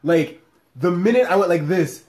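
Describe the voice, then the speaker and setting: Animated, laughing podcast co-host man. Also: high-pitched, normal speed, slight background noise. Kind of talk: casual chat, storytelling.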